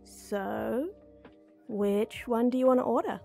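In a cheerful, giggly one-sided ASMR-style roleplay, a young woman voices a playful, flustered friend with a secret crush, teasing and hesitant. Her pitch is on the high side, her tone steady, gravelly and mellow, and she speaks slowly over soft background music.

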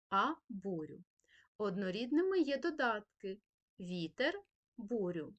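Female teacher voice for a recorded grammar lesson, a bit higher pitched, slow and precise when reading examples. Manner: slow, careful dictation-like delivery of examples. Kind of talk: scripted grammar lesson narration.

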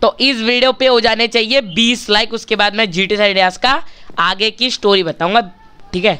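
Guy gaming and chatting to his viewers, clear smooth voice, keeps bargaining for likes. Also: high-pitched, steady tone, fairly quick, sharp tone. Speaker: gaming channel host. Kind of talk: casual gaming commentary.

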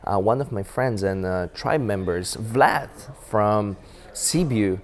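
A man's voice: on the low side, slow. Enthusiastic man vlogging. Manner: enthusiastic, repetitive restarts, non-native phrasing. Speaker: business vlogger. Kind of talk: casual to-camera advice talk.

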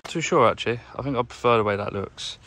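A young man, a plumber, chatting casually to camera in a rambling, low-key way while tidying his van, filmed on a handheld phone. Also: fast talker, a bit bright, slight background noise. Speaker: plumber vlogger. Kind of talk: casual vlog narration while working. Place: inside a work van, outdoors nearby.

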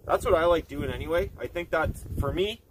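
A man's voice: a little high, a little fast. Folksy man demonstrating outdoors. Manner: relaxed, folksy, thinks aloud with fillers. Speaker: channel host demonstrating chainsaw maintenance. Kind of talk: casual how-to demonstration. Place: outdoors in a snowy rural yard by a shed. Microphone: camera mic, he moves nearer and farther. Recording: outdoor camera audio with clear background noise.

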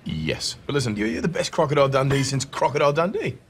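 An easygoing Australian tour companion played by a male actor chats in a scripted tourism commercial. His mid-pitched voice is lively and varied, with loud music behind it. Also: fast talker, natural voice. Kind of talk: casual scripted commercial dialogue.

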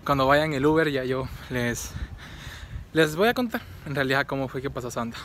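A man's voice: medium pitch, lively intonation, brisk, very noisy. A young man from Guatemala, chatting casually in a rambling vlog full of fillers and restarts while out and about. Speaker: vlogger. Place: out and about, market and home.

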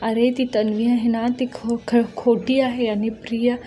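Woman reading an insistent young lawyer man, flat and mellow. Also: fairly high pitch, measured pace, slight background noise, natural voice. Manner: insistent, accusing. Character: suspicious young lawyer husband.

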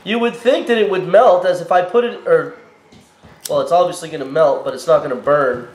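A man in his thirties with a stuffy head cold speaks a little fast in a slightly high voice, sounding indignant and cautionary as he vlogs casually in his kitchen. The echoey space carries faint noise, captured by a camera mic nearby.

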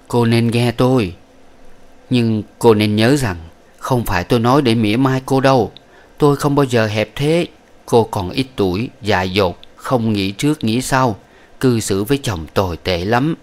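A man reading an audiobook, voicing a proud young wife who lectures in a cool, measured way. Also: mid-range voice, a little mellow, lightly acted. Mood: cold, firm. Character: young woman, proud, cold-tempered wife. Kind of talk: audiobook character voice.

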